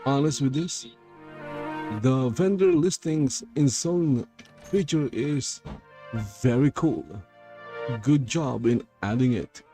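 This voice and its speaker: Man, voice changer pitch shift, slow rambling talk, clear game music underneath. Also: mellow. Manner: rambling, thinking aloud with restarts. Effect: voice changer shifting his voice. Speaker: game streamer. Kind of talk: casual gameplay commentary.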